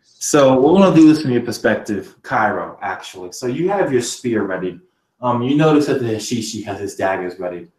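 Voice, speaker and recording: A man's voice: mid-range voice, animated, a little fast, darkish tone, echoey room, distant mic, low-quality recording. A man narrating as game master of a tabletop game, with vivid, theatrical description.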